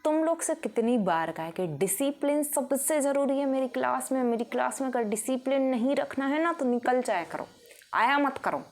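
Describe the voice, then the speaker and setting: A woman's voice: high voice, lively intonation, moderate pace, pitched above the performer's own voice. A woman voicing a strict female schoolteacher who scolds her class in a raised, stern voice. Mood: scolding.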